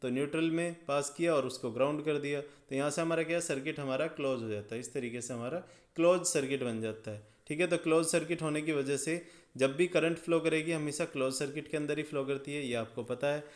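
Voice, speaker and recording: Man, fairly high voice, patient step-by-step tutoring, checks understanding often. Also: fairly quick. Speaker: electrical tutor. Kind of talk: explaining circuits at a drawing board.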